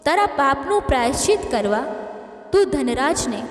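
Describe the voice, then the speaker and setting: Woman doing a merciful god guy, slow n solemn, big hall echo. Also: high-pitched, big pitch swings, soft background music. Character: the god Shiva, calm, merciful, majestic male deity. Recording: echoey long hall reverb.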